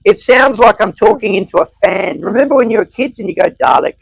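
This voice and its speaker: A man's voice: sits high, lively intonation, a little fast, vocal fry, slightly rough, rough recording. A man, a chatty home shopping presenter, talking while a percussion massage gun vibrates against him so his voice shakes and buzzes. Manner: playful, chatty salesman. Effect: voice shaking and buzzing from a massage gun pressed against him. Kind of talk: live product demonstration.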